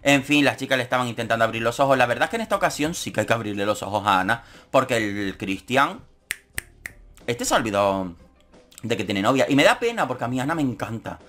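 A man's voice: medium pitch, expressive, a bit bright. A man giving camp, sarcastic commentary on a reality show as a YouTuber. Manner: camp, sarcastic, quick jokes. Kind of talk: casual comedic commentary.

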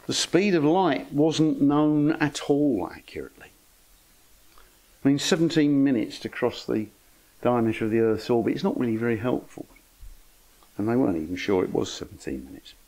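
A man's voice: medium pitch, animated, normal speed, a little mellow, rough recording. An older man giving an informal lecture to an astronomy club, with dry, wry humour and chatty asides. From England.

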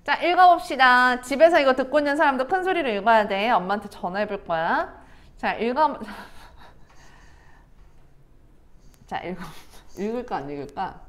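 A woman's voice: on the high side, expressive, normal speed, long pauses, fairly bright tone. A woman teaching a middle school English lesson to students at home, chatty and teasing, often laughing and acting out little family scenes. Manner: laughs often while talking. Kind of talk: recorded online lesson.

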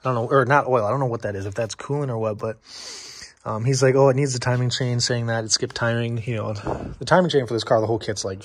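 Breathless, husky young man rambling outdoors. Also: mid-range voice. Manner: rambling, casual, filler-heavy. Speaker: car vlogger. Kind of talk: casual story-time vlog. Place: outdoors by a car in the cold.

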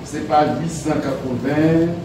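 A man preaching a sermon. He reads Bible verses aloud, then explains them in halting, repetitive phrases. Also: fairly high pitch, fairly even intonation. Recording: very echoey, distant mic, faint background hum.

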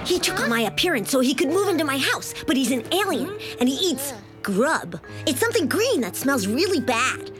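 Eliot, a woman playing a very high shrill cartoon boy. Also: very animated, moderate pace. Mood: insistent. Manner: insistent, shouting accusations. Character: six-year-old boy, wildly imaginative and stubborn. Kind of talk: cartoon voice acting. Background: music.

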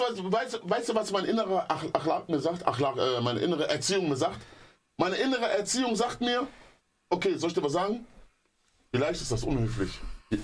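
A man's voice: fairly high pitch, slight background noise. A man telling a story in casual chat, acting out phone calls and repeating himself. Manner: animated, repetitive, acts out phone calls.

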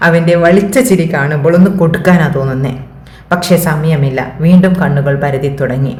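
A woman reading a story aloud as its narrator, in a steady, reflective way. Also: low voice, a little fast, roomy sound.

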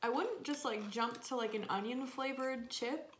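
A woman's voice: on the high side, moderate pace, echoey room, slight background noise. A woman in a casual snack taste-test chat, reacting to the flavors while chewing as she talks. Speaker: vlogger.

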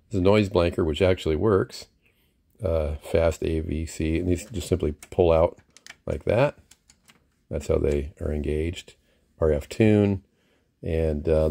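A vintage radio collector with a deep, gravelly, mellow voice presents a receiver at a desk full of radio gear indoors. His casual, unscripted demo is hesitant and rambling, peppered with self-deprecating chuckles, and the studio sound is clean with no room echo.

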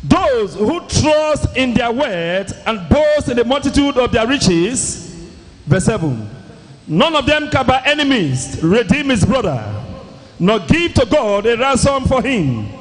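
A man's voice: very high-pitched, sing-song, unhurried. A man reading scripture aloud formally in a large church hall. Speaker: scripture reader. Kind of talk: loud formal Bible reading.

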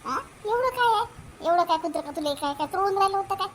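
A woman's voice: very high voice, expressive, fast talker, a little hiss or hum. Woman voicing a fretful village mother-in-law. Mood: fretting. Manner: repetitive, lamenting, scolding.

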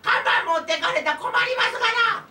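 A woman's voice: extremely high pitch, lively intonation, a little fast, sharp tone, voice pushed up, full character voice. A woman voicing a timid young boy fox who sells lunch boxes, pleading and stammering in a Kansai accent, in a live puppet story with music. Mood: panicked. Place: art space performance room. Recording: roomy live hall, mic far off, instrument music.

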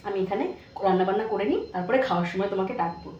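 A woman playing a kind, fussy mother-in-law who coaxes her new daughter-in-law along in a comedy sketch, talking fast. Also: medium pitch, darkish tone, highs cut off, natural voice. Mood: gentle. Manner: fussy, coaxing, talks fast. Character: doting kind mother-in-law, middle-aged, fussing over her son's wife. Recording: echoey room with faint noise.

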